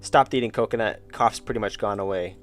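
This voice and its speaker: Faint music sits behind a lowish male voice moving a little fast. The speaker, a streamer and indie game developer, rambles casually while drawing on stream, restarting and chuckling as his voice wears thin.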